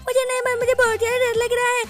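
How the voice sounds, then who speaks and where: A man doing Shinchan, a squeaky cartoon boy. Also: normal speed, over loud music. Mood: scared. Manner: squeaky, whiny when scared. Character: cheeky little boy, playful and mischievous. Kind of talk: cartoon voice over gameplay.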